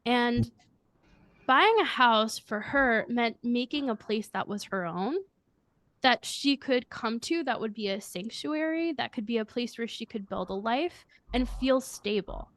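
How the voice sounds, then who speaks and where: A woman with a high, girlish, somewhat bright voice is an interview guest who coaches and leads a firm. She answers earnestly and reflectively, expressive and a little slow, with no room sound.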